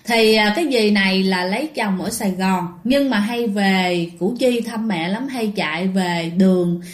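A woman with a Southern Vietnamese accent telling ghost stories to listeners in a lively, animated way. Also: medium pitch, a little slow. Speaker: ghost story narrator. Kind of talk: storytelling to listeners. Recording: echoey room.

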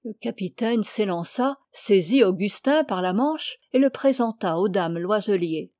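A woman reading a classic novel aloud in a measured, expressive narration. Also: medium pitch, no room sound. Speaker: audiobook reader. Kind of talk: literary audiobook narration.

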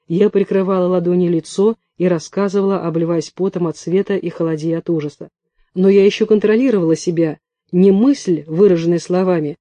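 A man reading first-person fiction aloud in a hushed, tense storytelling manner. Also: high voice, no room sound. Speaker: audiobook reader.

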